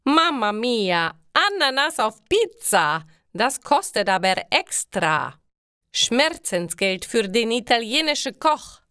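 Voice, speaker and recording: A woman's voice: on the high side, big pitch swings, slow, sharp tone, clean tone, dry recording, clean studio sound, pitched above the performer's own voice, exaggerated voice. A woman voicing an indignant male Italian cook, talking in a theatrical, outraged way.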